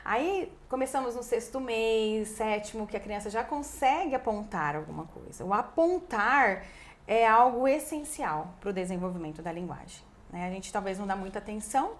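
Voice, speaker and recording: A woman with a Brazilian Portuguese accent, a speech therapist guest, explaining in a lively, chatty way and often tagging her sentences with a quick question. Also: mid-range voice. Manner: lively, acts out parents' voices, frequent "né". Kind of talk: casual explanatory conversation.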